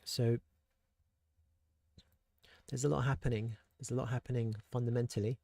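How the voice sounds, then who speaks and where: A man talks through market charts in a loose, thinking-aloud way, tossing in rhetorical questions and restarting sentences. His voice sits in an ordinary middle pitch. The recording is dry and close, with no room sound around it. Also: fairly even intonation, normal speed, vocal fry, warm tone, no echo. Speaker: crypto market analyst. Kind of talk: casual market commentary.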